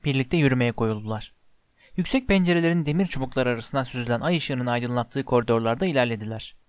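A man reading a story aloud as narrator, in a steady, expressive way. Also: medium pitch, fast, clear, resonant tone, no room sound. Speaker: audiobook narrator.

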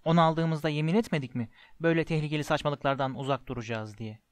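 A man voicing a blustering, bullying middle-aged uncle who snaps and shouts. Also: on the high side, fairly even intonation, quick pace, no echo, natural voice. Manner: gruff shouting and snapping.

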